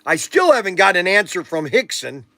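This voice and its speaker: A man's voice: high voice, very animated, normal speed, creaky, bright, forceful tone, no room sound. A man in his sixties hosting a casual livestream, rambling and joking with viewers as he reads out their comments. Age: 60s. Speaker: livestream auction host.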